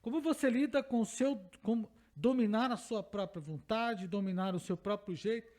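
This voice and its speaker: Speaking at a normal speed, this Brazilian Portuguese-accented pastor has a strikingly high voice with a darkish tone. His teaching sermon leans on repeated phrases and questions aimed at the congregation to press each point.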